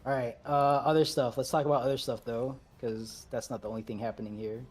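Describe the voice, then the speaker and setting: A man leads a team through a game raid, calling moves in a brisk, mid-pitched voice. He repeats his commands and drops in the odd joke. Soft game music plays behind him. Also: fairly even intonation. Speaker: raid leader. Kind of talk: calling instructions over voice chat while gaming.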